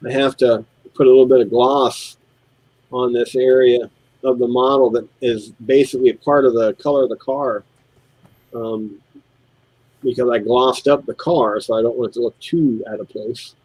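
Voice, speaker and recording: A man's voice: mid-range voice, moderate pace, breathy edge, no echo, low-quality recording. A middle-aged man telling shop stories in a casual chat while building models and mimicking his customers. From United States. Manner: animated storyteller, mimics customers. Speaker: co-host.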